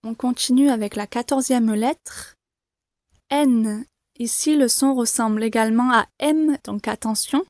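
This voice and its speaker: A woman teaching the alphabet to beginners, saying each letter slowly and clearly, repeating it and reassuring learners. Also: on the high side, darkish tone, dry recording, studio quality. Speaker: French teacher. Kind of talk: slow, careful pronunciation lesson.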